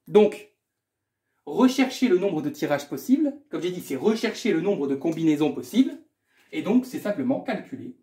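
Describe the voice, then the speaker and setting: A man's voice: on the high side, dark tone, echoey room. A man tutoring math, working through an exam problem aloud in a casual way, repeating himself and adding small asides. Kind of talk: explaining a math exam correction.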